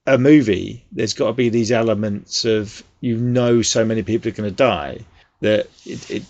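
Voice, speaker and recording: A man's voice: lowish voice, fairly even intonation, moderate pace, darkish tone, highs cut off. A man hosting a podcast in casual chat, rambling with lots of fillers. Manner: rambling, fillers like "you know" and "um". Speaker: podcast host.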